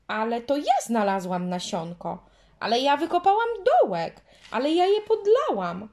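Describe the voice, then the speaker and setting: Woman doing a bossy little girl, high pitched, loud and indignant, storybook voice. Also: lively intonation, measured pace. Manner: whiny, shouting, indignant. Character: quarrelsome stubborn little girl.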